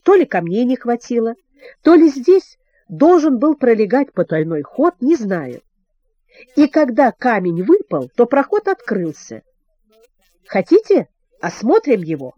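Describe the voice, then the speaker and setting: Calm, eager teen boy leading the group in a storybook, read by a woman, mellow tone, lively lilt. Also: fairly high pitch, unhurried, breathy edge, no echo, lo-fi sound, full character voice. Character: adventurous teenage boy, calm leader.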